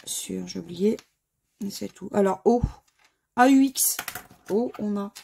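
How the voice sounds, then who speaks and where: A woman from France commenting as she scratches lottery tickets, spelling out letters one by one in a slightly hoarse voice. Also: mid-range voice, measured pace, a little mellow. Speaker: scratch-card video host. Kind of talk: casual scratch-card commentary.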